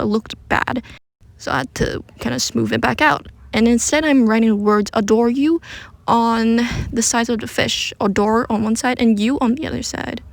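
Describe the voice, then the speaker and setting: A slightly high voice with vocal fry delivers a laid-back, self-deprecating voice-over for a DIY craft tutorial. The creator records beneath a blanket, which keeps the sound close and muffled from the room.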